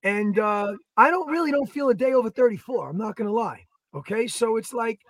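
A man, co-hosting a podcast in energetic, rambling casual chat. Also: very high voice, a little fast, dry recording. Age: 30s. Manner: energetic, rambling, plugs products. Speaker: podcast co-host.

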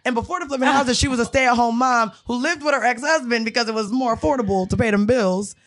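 High-pitched woman, 30s, podcast cohost, blunt and swears a lot. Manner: blunt, profane, quick-witted gossip. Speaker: podcast co-host. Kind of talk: casual chat.

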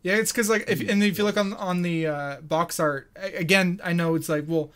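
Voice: medium pitch, normal speed, a bit bright. A young co-host on a gaming podcast, speaking from a home mic on a call. They ramble through explanations full of "like" and restarts, sometimes slipping into silly voices mid-sentence. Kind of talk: casual gaming chat.

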